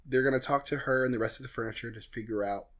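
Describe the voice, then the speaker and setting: A man's voice: mid-range voice, steady tone, quick pace, fairly bright tone. A young man co-hosting a podcast, recapping a show in a dry, sardonic, joking way. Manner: dry, sardonic, summarizing plot with jokes. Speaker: podcast co-host. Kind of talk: casual comedic recap chat.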